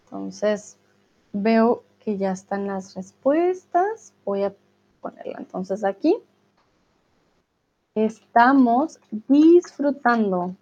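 A woman's voice: medium pitch, sing-song, takes it slowly, dark tone. A woman teaching a language class on a live stream, patiently explaining and chatting with viewers. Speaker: Spanish teacher. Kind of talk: live-streamed lesson reading chat. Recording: dull lo-fi stream audio.

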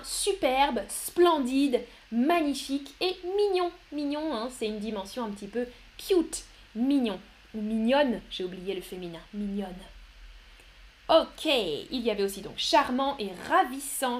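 High-voiced woman teaching vocabulary live. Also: a little hiss or hum. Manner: reads out students' chat answers and explains. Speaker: French teacher. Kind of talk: live online vocabulary lesson.

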